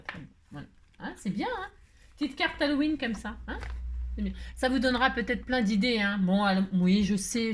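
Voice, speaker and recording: There's a slight hiss or hum under this mid-range female voice as a craft video host chats her way through a relaxed tutorial. She's playful, cracks jokes while working, and leans heavily on filler tags.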